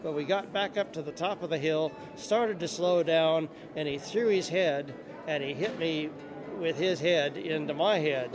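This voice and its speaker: A man telling an unscripted personal anecdote about his life with horses in a plain-spoken, measured way. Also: a little high, over music.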